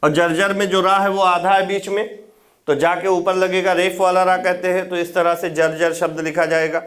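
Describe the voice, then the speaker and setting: A man with a fairly high voice teaches a Hindi grammar lecture for exam preparation. He goes step by step, repeats key words so students can write them down, and keeps checking in with short questions. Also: little pitch movement, normal speed, a bit bright. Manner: explains step by step with tag questions.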